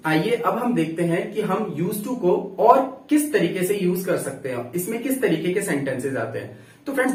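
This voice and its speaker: Brief: male teacher, high and animated delivery, slow dictation of examples, recorded from a distance. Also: reverberant. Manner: explains slowly, dictating example sentences word by word. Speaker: English grammar teacher. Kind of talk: classroom-style grammar lesson.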